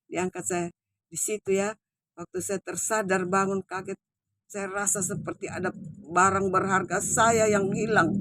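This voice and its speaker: An older woman in her sixties preaches a personal testimony. Her delivery is earnest and halting, full of repeats and restarts. The voice stays level and steady in pitch, recorded close and dry with no room sound. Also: dry recording. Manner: earnest, repetitive, halting retelling with many restarts.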